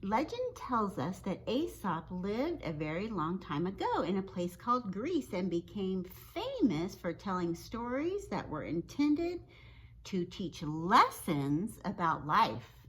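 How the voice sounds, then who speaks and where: Bright, sing-song woman reading to children. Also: medium pitch, sing-song, slow pace, a little hiss or hum, low-quality recording. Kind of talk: children's story read-aloud.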